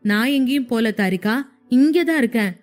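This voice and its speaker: Gentle, protective young husband, voiced by a woman. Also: a little high, expressive, normal speed, soft background music, natural voice. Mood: soothing. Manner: soothing, reassuring.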